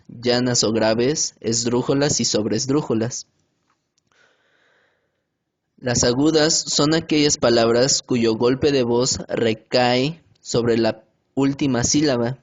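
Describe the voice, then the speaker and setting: Slow, careful man reading a lesson. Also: mid-range voice. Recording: dull lo-fi home recording.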